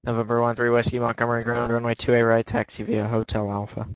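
A man working as an air traffic controller, issuing clearances in clipped radio phraseology. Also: mid-range voice, monotone, quick pace. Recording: dull lo-fi radio audio.

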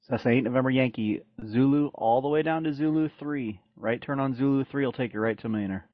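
A man's voice: medium pitch, fairly quick, no echo. A man working as an air traffic controller, speaking in procedural radio style on dull, lo-fi audio.

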